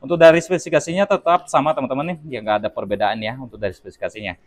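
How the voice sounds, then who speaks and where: A man's voice: mid-range voice, steady tone, very fast. A man giving a casual unboxing review of a TV, talking chattily to his viewers while he handles the set. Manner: addresses viewers as teman-teman, chatty, explains while handling the product. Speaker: product reviewer.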